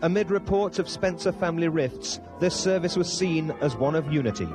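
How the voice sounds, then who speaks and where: Male news reporter, measured broadcast read, slightly high voice, clear music bed under.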